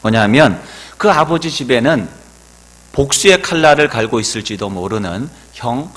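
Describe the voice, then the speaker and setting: A man's voice: medium pitch, expressive, moderate pace, fairly bright tone. A male pastor preaching a sermon in a church sanctuary, telling stories and building up to emphatic exhortation. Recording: long church hall reverb.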